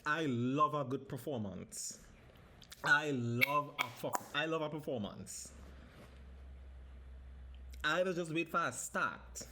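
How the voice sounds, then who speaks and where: Hosting a laid-back solo podcast, this man in his thirties from Trinidad talks slowly in a fairly high voice, leaving long pauses over background noise. His accent is Trinidadian, he swears freely, and he drifts into Caribbean dialect.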